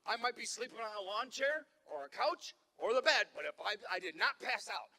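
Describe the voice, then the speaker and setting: High, bright-voiced rambling male comedian. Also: big pitch swings, fairly quick. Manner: rambling storyteller with stammering restarts. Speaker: stand-up comedian. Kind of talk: stand-up comedy routine. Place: theater stage.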